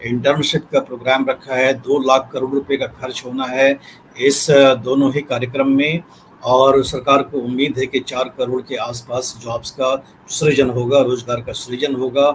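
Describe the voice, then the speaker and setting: A man in his forties, an editor, explaining policy on a video call from a book-lined study, measured and often pausing with fillers. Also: mid-range voice, a little hiss or hum, poor audio. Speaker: newspaper editor, analyst. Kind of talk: news analysis commentary. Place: home study with bookshelves. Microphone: webcam, video call.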